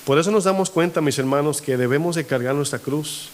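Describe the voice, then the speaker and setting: A man's voice: a little high, a little fast. A male pastor preaching a sermon. He keeps asking his congregation questions and acts out quoted voices in a rising tone. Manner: asks the congregation frequent call-and-response questions. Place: church hall.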